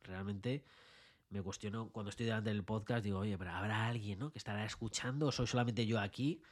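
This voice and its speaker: Guy doing a motivational podcast, lively and chatty, mimics chants now and then. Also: on the low side, fairly quick. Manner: animated, mimics protest chants. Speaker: podcast host. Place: his office.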